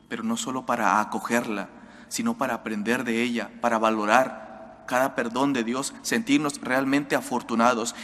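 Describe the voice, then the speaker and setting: Earnest priest preaching in a reverberant church. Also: male voice, medium pitch, a bit bright. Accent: Spanish. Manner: earnest, exhorting, direct address to listeners. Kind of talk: homily at daily Mass. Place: church sanctuary, at a lectern. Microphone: lectern microphone.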